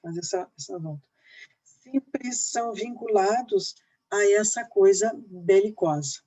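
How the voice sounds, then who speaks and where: A woman's voice: medium pitch, takes it slowly, mellow. A woman literature teacher, explaining a poem and tapping out its rhythm with frequent fillers. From Brazil. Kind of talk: lecture with poetry reading.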